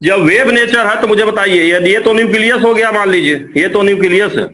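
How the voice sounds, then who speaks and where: Male teacher, high voice, live classroom lecture, repeats and quizzes students. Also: fairly quick, bright, forceful tone, rough recording. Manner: repetitive, coaxing, quizzes students. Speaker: chemistry teacher.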